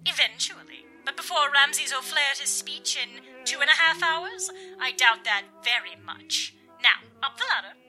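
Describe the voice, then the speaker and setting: An actress playing a gloating schoolmistress-like villain in an audio drama, mock-polite, theatrical and condescending. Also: female voice, high-pitched, expressive, moderate pace, few pauses, bright, forceful tone, faint music behind, full character voice. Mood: commanding. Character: gloating, schoolmistress-like female villain running deadly tests.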